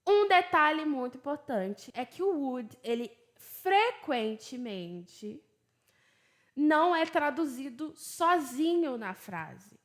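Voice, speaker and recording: Slow-talking woman teaching English. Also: high-pitched, sing-song. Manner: chatty, switches between Portuguese and English examples. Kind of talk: casual bilingual lesson.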